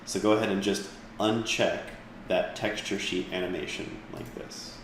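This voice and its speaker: Male instructor, rambling casual delivery, low-ish voice, heavy room echo. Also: normal speed, background noise. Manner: relaxed, rambling, with fillers and restarts. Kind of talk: live class software tutorial.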